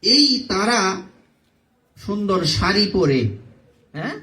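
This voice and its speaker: A man with a Bangladeshi Bengali accent delivers a devotional sermon to a live crowd, his voice sitting a little high. He repeats words to drill their pronunciation and breaks into chanting. He sounds set back from the microphone. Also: big pitch swings, slow pace, sharp tone, far from the mic. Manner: teaches by repetition, drilling pronunciation and chanting aloud. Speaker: preacher.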